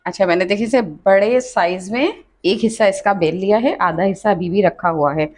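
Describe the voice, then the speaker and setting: Slight background noise sits under this woman's medium-pitched, somewhat mellow voice as she talks a little fast. She is a cooking channel host narrating a step-by-step tutorial from her home kitchen, instructive and chatty, repeatedly saying "achha" and "dekhiye".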